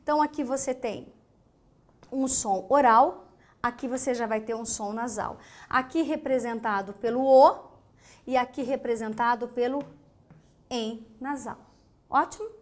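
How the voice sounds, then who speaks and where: Woman from Brazil, online grammar teacher; high voice, slow patient delivery, keeps checking the class follows. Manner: explains slowly, asks rhetorical questions, checks understanding with "tá?"; demonstrates sounds by voicing them aloud.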